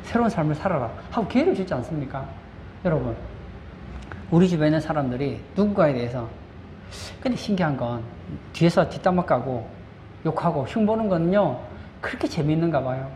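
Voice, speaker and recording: A man's voice: a little high, lively intonation, brisk, pauses often, darkish tone. A male pastor preaching a sermon, posing rhetorical questions and answering them, repeating key phrases for emphasis. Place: church sanctuary. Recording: echoey room with faint background noise.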